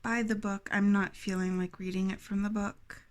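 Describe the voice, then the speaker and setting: A woman's voice: mid-range voice, level tone, normal speed. A woman giving a tarot reading to her viewers, earnest and emphatic, repeating phrases for stress. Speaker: tarot reader.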